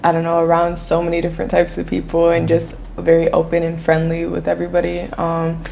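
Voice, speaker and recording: A woman in her twenties from Toledo, Ohio, a freelance model, talking casually as an interview guest, relaxed and chatty with lots of "like" and "um". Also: lowish voice, fairly quick, creaky, a little hiss or hum. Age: 20s. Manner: relaxed, chatty, many "like" and "um" fillers.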